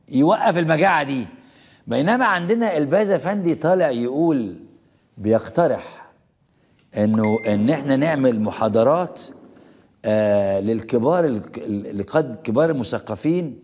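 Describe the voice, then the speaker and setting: A man's voice: medium pitch, warm tone. A man with an Egyptian accent hosting political commentary, indignant and full of rhetorical questions. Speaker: host.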